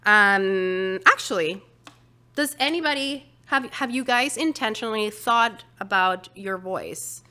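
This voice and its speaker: Bright-voiced chatty woman facilitator. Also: mid-range voice, a little slow. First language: not English. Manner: chatty, uses many fillers and "right?". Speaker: workshop facilitator. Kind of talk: casual workshop teaching.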